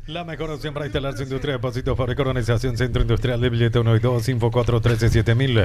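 Fast-talking male radio ad announcer. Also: mid-range voice, level tone, darkish tone. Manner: polished, upbeat salesman delivery. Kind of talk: scripted radio commercials.

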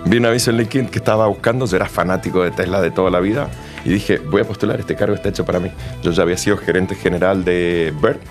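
A man's voice: sits low, steady tone, fast talker, faint music behind. A man from Argentina with an Argentine accent, a company manager chatting as a guest in an interview, friendly and full of restarts. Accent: Argentine Spanish. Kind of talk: casual interview answers.

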